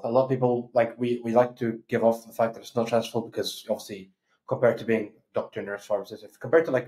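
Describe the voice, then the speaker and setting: A man from Iraq, a medical writer, answering viewer questions in a chatty, relaxed way on a live webinar over a video call. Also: on the low side, poor audio. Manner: chatty, relaxed, frequent fillers and asides.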